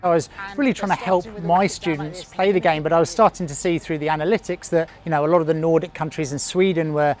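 A woman in her thirties, a padel coach, explaining the sport in a clear teacherly way during an interview. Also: deep voice, steady tone, fast talker, hardly any pauses, a little mellow, soft background music. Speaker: padel coach and online video creator.

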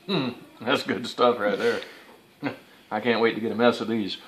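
A man's voice: fairly low pitch, moderate pace, a little hiss or hum. Folksy Southern man grilling outdoors. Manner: folksy, relaxed, self-amused. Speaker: cooking channel host. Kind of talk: casual cooking vlog narration. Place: backyard outdoors, then indoors at home. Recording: insects and crickets behind.

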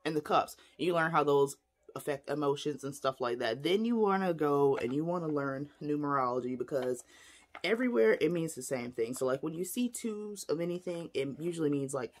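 A woman's voice: deep voice, expressive, normal speed. A woman casually explaining divination tools to camera in a chatty, rambling way, showing objects as she talks. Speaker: spiritual teacher. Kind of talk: casual teaching vlog.

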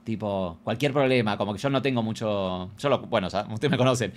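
A young adult man with an Argentine accent, chatting casually and animatedly with viewers, full of slang. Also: on the low side. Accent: Argentine Spanish. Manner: rapid, animated, slangy and expressive. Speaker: comedian streamer.

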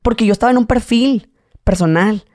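A man in his late twenties from Tijuana with a northern Mexican accent, a guest in a casual interview, telling animated stories and slipping into high voices to mimic people. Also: a little fast. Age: late 20s.

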